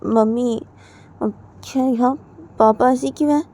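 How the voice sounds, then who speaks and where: A woman voicing a curious little girl who whines questions at her parents in a high, pleading voice. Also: fairly even intonation, a little slow, dark tone. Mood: whining, puzzled.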